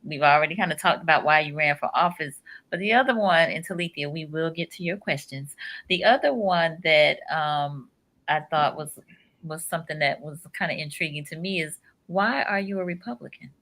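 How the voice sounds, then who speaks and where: A woman host who briskly steers a conversational interview over a video call. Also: low-pitched, a bit bright.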